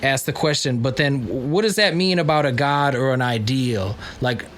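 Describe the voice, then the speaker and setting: A man leads a casual philosophy chat, musing aloud and groping for words with a joking edge. His voice sits at an ordinary middle pitch. A faint hum of room noise runs underneath. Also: normal speed, fairly bright tone. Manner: musing, searching for words, jokey. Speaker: podcast host.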